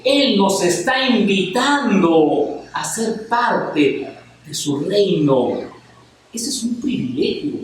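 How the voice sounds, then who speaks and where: A man's voice: sits high, slight background noise. A man preaching a passionate sermon to a congregation, firing rhetorical questions at them as he speaks. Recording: very echoey church hall, mic at a distance.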